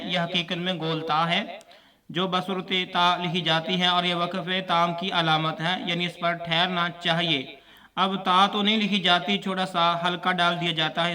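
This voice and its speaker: A Quran teacher with a Pakistani Urdu accent gives a religious lesson, repeating each point and quizzing his listeners. His voice is high-pitched and sharp, and he is far from the microphone.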